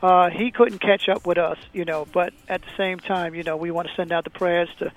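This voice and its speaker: High-pitched, gravelly male singer, chatty guest. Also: fairly even intonation, brisk, dull audio, faint music behind. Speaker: singer, guest on a radio show. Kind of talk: casual on-air chat.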